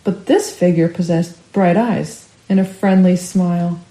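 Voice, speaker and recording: A woman storyteller reading a family ghost story aloud, expressive and rising with the action. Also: on the low side, unhurried, reverberant, low-quality recording. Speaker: storyteller for a library. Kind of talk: scripted ghost story narration.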